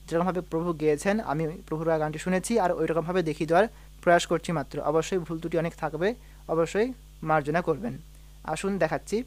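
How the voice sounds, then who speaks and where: A man teaching a devotional song on harmonium, singing note names and breaking words slowly into syllables. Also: on the high side. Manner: sings sargam note names over the harmonium. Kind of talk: music lesson, singing and explaining notes. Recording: harmonium playing along.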